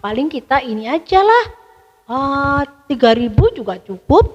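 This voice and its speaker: Urgent soldiers reporting to their commander, as acted by a woman telling the story. Their pleading lines ride high above her normal voice. The sound rings on in a big reverberant room. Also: sing-song, normal speed, muffled recording. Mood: eager.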